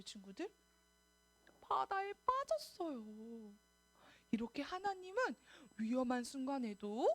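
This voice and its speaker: Lively sing-song woman telling kids a Bible story. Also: fairly high pitch. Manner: animated, sing-song, asks the children questions. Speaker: children's pastor. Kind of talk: children's Bible story sermon.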